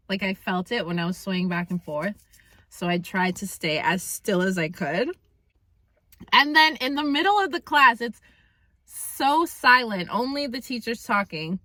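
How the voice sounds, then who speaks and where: A woman vlogger chats through funny stories, her pitch leaping up and down as she goes. She laughs often and acts out what others said. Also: animated, a little slow, pushed and bright. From England. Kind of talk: casual storytelling chat.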